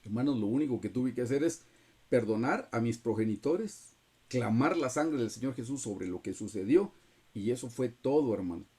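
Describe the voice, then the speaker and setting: Hombre, acento guatemalteco, pastor, voz ronca, timbre oscuro, prédica sincera por videollamada. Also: male voice, mid-range voice, expressive, normal speed, dark tone, husky. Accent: Guatemalan Spanish. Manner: earnest, keeps addressing listeners as brothers. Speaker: pastor leading a Bible study. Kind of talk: sermon with personal testimony. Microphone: video call.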